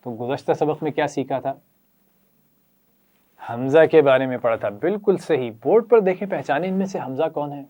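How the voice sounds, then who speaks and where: A man's voice: fairly high pitch, mellow, lo-fi sound. A man teaching children a Quran reading lesson with a Pakistani Urdu accent. He praises them often and leads them in repeating letters and sounds.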